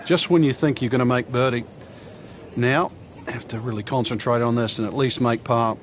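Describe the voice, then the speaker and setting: A man giving live golf commentary as an analyst, explaining shots in a measured way. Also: medium pitch, steady tone. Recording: loud outdoor crowd and ambient noise.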